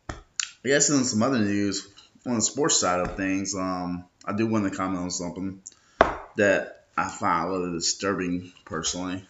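With background noise around him, a young man who hosts a local social media show talks in a loose, rambling vlog style, hungover, sluggish and heavy on slang. His voice is fairly low, and the recording sounds dull and lo-fi.

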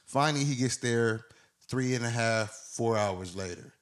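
A man in his twenties, a podcast co-host, telling a long story in a casual, animated way and acting out the people in it. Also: medium pitch, a little slow.

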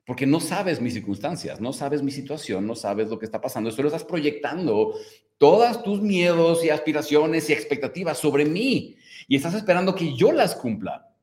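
A man's voice: a little high, lively intonation, moderate pace, darkish tone. A man hosting a self-help show, talking in a reflective way to his listeners and acting out critics in quoted voices. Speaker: self-help podcast host. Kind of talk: motivational talk to listeners. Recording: roomy echo.

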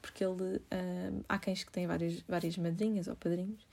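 A woman's voice: lowish voice, fairly even intonation, normal speed, gravelly, darkish tone. A young woman, telling a story to her viewers in a chatty way, full of fillers and laughter. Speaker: vlogger.

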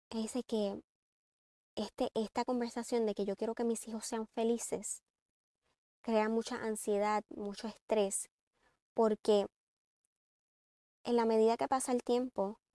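A woman's voice: fairly high pitch, unhurried, pauses often, no echo, clean studio sound. A woman giving earnest parenting advice in a reflective talk. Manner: earnest, advising, shifts between calm and emphatic. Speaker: parenting speaker.

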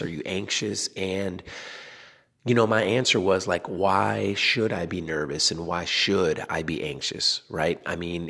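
A man hosting a casual solo podcast from a garage, talking in a conversational, explanatory way and sounding tired and a little rough. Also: deep voice, fairly bright tone. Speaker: podcast host. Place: in a parking-style garage. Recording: echoey reverberant garage.

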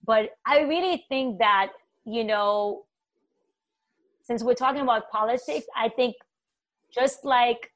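A woman from Haiti speaking as a community organizer in an interview, earnest and searching, pausing often and restarting her thoughts. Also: fairly high pitch. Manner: earnest, searching, full of "you know" and "like" restarts. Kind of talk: reflective conversational interview.

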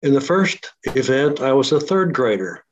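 A man reading his memoir aloud at a steady, measured pace, his voice coming through a laptop speaker on a remote line. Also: mid-range voice, a little hiss or hum. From Oklahoma City. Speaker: guest author. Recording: dull lo-fi remote audio.

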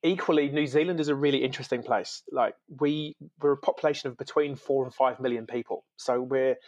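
A man's voice: medium pitch, fairly even intonation, a little fast, darkish tone, muffled recording. A man originally from the UK, a podcast guest in casual conversation, talking with enthusiasm and laughing often. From United Kingdom. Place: lives in New Zealand.

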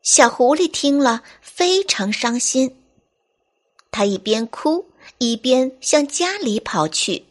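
A woman tells a children's bedtime story in a gentle, expressive cadence. Her voice sits fairly high and swoops widely through each line. She takes it slowly, with a soft breathiness.

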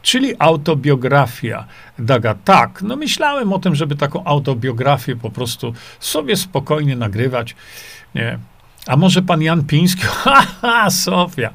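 Man, middle-aged, livestream host, gravelly voice, mid-pitched, rambling, dismissive, reads comments aloud. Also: fairly bright tone. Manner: rambling, dismissive, with frequent fillers and repeated rhetorical questions. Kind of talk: casual livestream talk, reading viewer comments.

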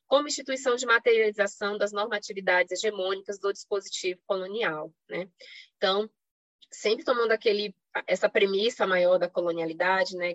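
Speaking with a Brazilian Portuguese accent, a woman gives a semi-improvised academic lecture with slides on an online live stream as a panelist. Her mid-range voice is fairly bright, with no room sound, over slightly dull lo-fi call audio. She explains things, often poses rhetorical questions and checks in with short tags.

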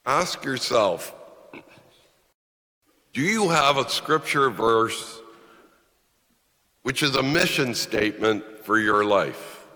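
A priest reading the gospel and giving a homily in a slow, measured way, his voice carrying a long church echo. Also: medium pitch, animated, sharp tone.

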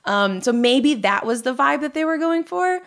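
A woman's voice: high-pitched, expressive, moderate pace, a bit bright. A woman co-hosting a podcast in casual chat, talking in a chatty, filler-heavy way as she muses aloud. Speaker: podcast co-host.

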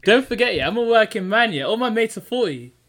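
A man's voice: high voice, animated, fast talker, a bit bright. A young man, chatting casually as a podcast panellist. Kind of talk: casual chat.

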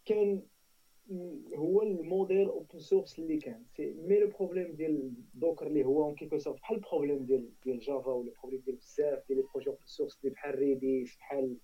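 A man's voice: fairly high pitch, steady tone, rapid-fire, slightly rough, distant mic, muffled recording. A man with a Moroccan accent in a casual tech discussion, speaking emphatically, repeating phrases and switching into French. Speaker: tech talk panelist.

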